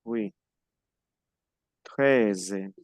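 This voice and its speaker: A man leads a French class over a video call and patiently slows down to model each word. His voice is smooth and resonant, with a dry, close sound. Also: lowish voice, no echo. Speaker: French teacher. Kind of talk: online class instruction.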